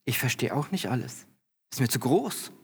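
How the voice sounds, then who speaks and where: A man's voice: mid-range voice, very animated, normal speed, husky. Man preaching in a reverberant church hall. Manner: earnest, explanatory preaching with emphatic rises when quoting scripture. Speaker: pastor. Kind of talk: sermon.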